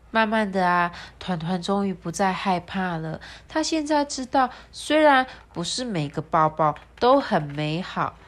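A woman with a medium-pitched voice reads a children's picture story aloud. Her delivery is gentle and sing-song, and now and then she gives the characters their own voices.

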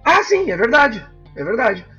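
A man, co-hosting a casual chat about video games, animated and full of restarts. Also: extremely high pitch, moderate pace, slightly rough, faint music behind. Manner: animated, frequent fillers and restarts. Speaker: podcast co-host. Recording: slightly dull lo-fi sound.

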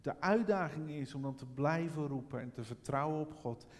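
A man's voice: fairly high pitch, moderate pace, long reverb tail. A middle-aged man preaching a sermon, telling a personal story and then rising into fervent preaching. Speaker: pastor.

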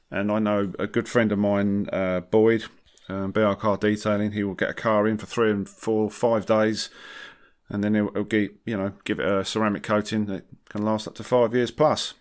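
A man's voice: fairly low pitch, flat delivery, normal speed, clear, resonant tone. A man chatting casually as a podcast host, wry and jokey, using British slang. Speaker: podcast host and car detailer.

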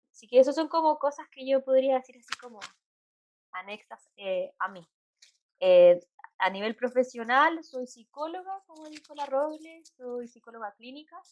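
A woman from Chile with a Chilean Spanish accent, a psychologist chatting as a guest, with many fillers and soft laughs. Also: mid-range voice. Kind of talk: casual interview chat.

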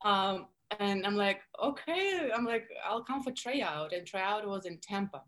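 Speaking a little slowly in a mid-range voice, this Russian-accented woman from Russia, in her thirties, is being interviewed casually. She recounts stories with animation and plenty of filler words.

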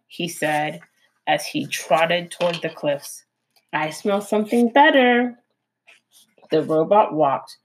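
A woman, a teacher, reading a novel aloud in a gentle, expressive way and adding her own comments. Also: low-pitched, husky, low-quality recording. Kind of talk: read-aloud storytelling.

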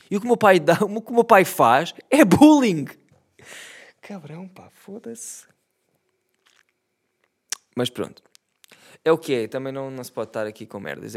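A young man with a European Portuguese accent, ranting profanely and comically in a casual monologue. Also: on the high side.

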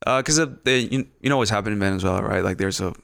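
A man's voice: on the low side, fast talker, creaky, fairly bright tone, smooth, dry recording. A young man, a guest on a casual podcast, rambling with repeated words and easy laughs.

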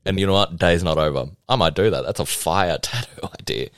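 A man's voice: deep voice, lively intonation, a little fast, smooth, no echo, studio quality. A young man casually reviewing an album in a chatty, rambling, self-deprecating way, full of ums and likes. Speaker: music reviewer.

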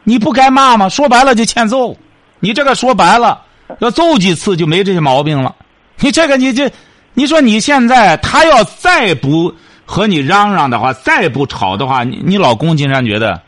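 A man's voice: fairly high pitch, fairly bright tone. A man hosting a radio advice show, lecturing a caller in an emphatic, repetitive way.

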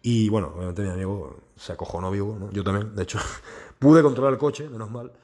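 A man's voice: lowish voice, a little fast, warm tone. A man in his thirties telling personal stories in a casual, rambling monologue, swearing freely and mimicking engine noises.

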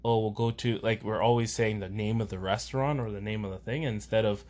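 A man's voice: on the low side, fairly even intonation, a little fast, darkish tone. Earnest man in reflective casual talk. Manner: earnest, reflective, rambling with restarts. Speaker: podcast co-host, parent. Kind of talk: casual faith and parenting chat.

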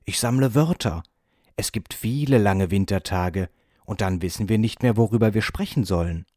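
A man reading a storybook aloud and voicing a calm, dreamy male field mouse poet who speaks gently and recites verse unhurriedly. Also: fairly low pitch, normal speed, no echo, clean studio sound, close to an everyday voice. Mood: gentle.

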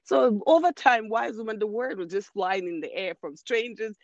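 A woman speaking as a guest minister in a faith-based interview, earnest and measured in a preacherly way. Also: on the high side, darkish tone, no echo. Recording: muffled lo-fi sound.

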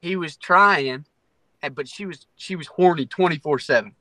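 A young man on a podcast telling a crude story in casual banter, with quick interjections and swearing. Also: on the high side, bright, forceful tone, dry recording, low-quality recording. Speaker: podcast co-host.

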